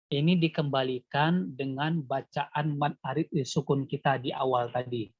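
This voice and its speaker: A man's voice: mid-range voice, slightly rough, no room sound, highs cut off. A man teaching Quran recitation rules one-on-one in an online lesson, patiently quizzing his student with repeated questions. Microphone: video call.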